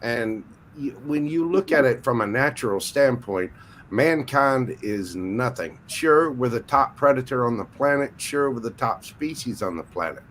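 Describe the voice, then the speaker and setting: A man's voice: mid-range voice, lively intonation, unhurried, fairly bright tone, a little hiss or hum, low-quality recording. A man in a casual group chat, explaining his view and listing points with emphasis. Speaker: chat participant.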